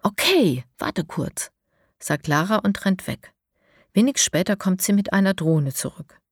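A woman narrating a children's audiobook in a calm, measured way. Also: mid-range voice, no room sound, clean studio sound.

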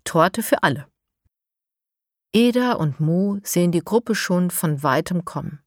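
Slow, low-pitched woman reading a children's book. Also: no echo, studio quality. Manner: calm, measured. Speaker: narrator.

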